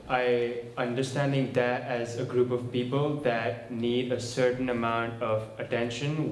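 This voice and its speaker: Measured man in an echoey room. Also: mid-range voice. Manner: measured, long winding sentences. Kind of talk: open forum remarks. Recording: echoey room, faint noise.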